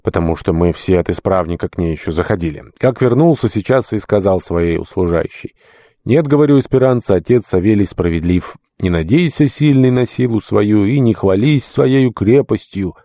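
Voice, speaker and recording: A man's voice: fairly low pitch, animated, normal speed, dark tone, no echo. A man voicing an impulsive, emotional deacon in his fifties, raising his voice in heated, contrite pleading. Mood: earnest pleading. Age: 50s. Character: big emotional middle-aged male deacon, impulsive. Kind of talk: audiobook character voice.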